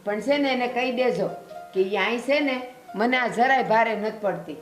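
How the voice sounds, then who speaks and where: Actress doing a blunt old kathiawadi village mom, scolds straight, soft music under. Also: female voice, a little high, moderate pace, close to an everyday voice. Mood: firm. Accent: Kathiawadi Gujarati. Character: protective elderly village mother, firm and outspoken. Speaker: actor. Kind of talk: village family drama acting.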